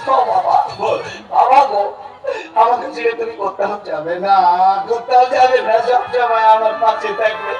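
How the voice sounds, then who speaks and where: A man's voice: very high-pitched, faint music behind. A male stage actor playing an anguished son who longs for his father, in an impassioned, pleading, melodramatic folk theatre style. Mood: overwrought crying out. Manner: impassioned, pleading, drawn-out emotional delivery. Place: folk theatre pandal before an audience. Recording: echoey crowded stage PA from far off.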